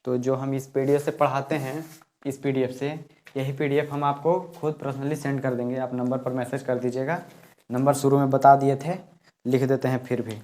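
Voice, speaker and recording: A man's voice: mid-range voice, little pitch movement, normal speed, darkish tone. Man teaching physics. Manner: explains step by step, repeats key words. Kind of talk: classroom lesson at a board.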